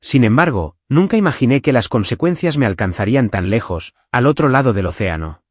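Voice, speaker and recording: Male narrator, mid pitch, animated delivery, dry booth sound. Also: brisk, no room sound. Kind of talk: scripted first-person story narration.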